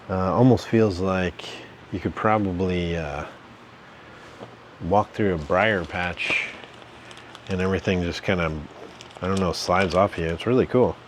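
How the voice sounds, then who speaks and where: Low, slow folksy man. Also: slight background noise. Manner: rambling, folksy and jokey, many fillers. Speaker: channel host, reseller. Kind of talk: casual vlog talk. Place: home basement.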